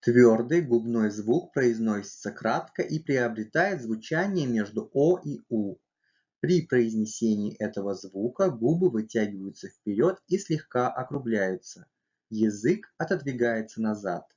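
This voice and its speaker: A man's voice: mid-range voice, animated, a little slow, a little mellow, highs cut off. A man narrating a scripted language lesson, carefully spelling out letters and sounds one at a time. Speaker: language teacher.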